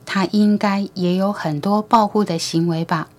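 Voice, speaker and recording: A patient, knowing alien teacher speaks to a room of human parents, as a woman reads him aloud. His lines come gently and without hurry in an audiobook reading, close to the reader's own voice. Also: medium pitch, steady tone, moderate pace, close to an everyday voice. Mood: gentle, instructive.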